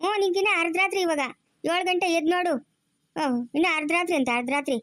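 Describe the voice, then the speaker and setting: A woman voicing a sharp-tongued, impatient young granddaughter in a cartoon, talking back in a rural Chikkaballapur Kannada accent. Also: very high-pitched, quick pace, dry recording, clean studio sound. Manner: mocking, talks back. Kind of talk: cartoon voice acting.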